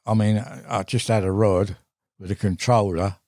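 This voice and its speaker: A man's voice: fairly low pitch, steady tone, normal speed, a little mellow, no echo. An older man, a veteran angler, telling a rambling, salty anecdote as a podcast guest, full of swearing and fillers, recorded in a studio. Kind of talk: casual anecdotal storytelling.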